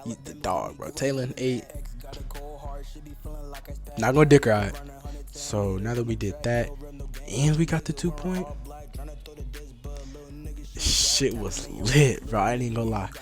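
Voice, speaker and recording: A young man giving casual, slangy, excitable commentary on his old game footage. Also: medium pitch, slow pace, long pauses, soft background music. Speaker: vlogger.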